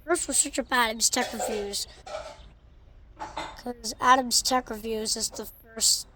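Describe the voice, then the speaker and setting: A woman with a slightly high voice talks unhurriedly through a casual unboxing vlog. Allergies leave her sounding stuffy, and she rambles and restarts her sentences often. A faint background noise sits under her voice. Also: steady tone, slow pace. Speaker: vlogger.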